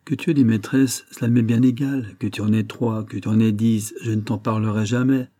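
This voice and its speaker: A man's voice: lowish voice, fairly even intonation, normal speed, warm tone, no echo, studio quality, natural voice. A man voicing a vain, blustering older banker who lectures his son in a familiar, exasperated tone. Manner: familiar, then scolding and exasperated.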